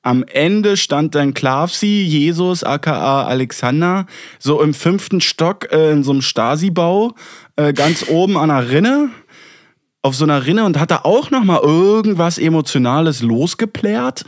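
A man hosting a podcast in casual chat, animated and rambling, with many restarts and fillers. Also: fairly high pitch, unhurried, dry recording, clean studio sound. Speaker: podcast host.

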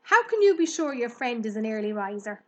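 A scolding old sheep from a children's storybook, played by a woman reader. The voice is loud and somewhat high, impatient and curt, lecturing with open disgust. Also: big pitch swings, a little fast.

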